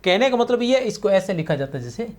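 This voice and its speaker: A man's voice: high-pitched, sing-song, a little fast, a little mellow. Patient man teaching a grammar lesson. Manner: patient, repetitive explaining, frequent "theek hai na" checks. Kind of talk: exam-prep grammar lesson.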